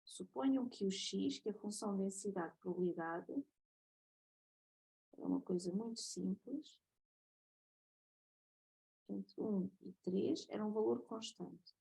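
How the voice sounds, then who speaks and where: A woman lecturer with a European Portuguese accent works through a math lesson, methodical and checking in with her students often. Her voice is husky with a gravelly creak. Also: mid-range voice, a little slow, long pauses, dark tone, rough recording.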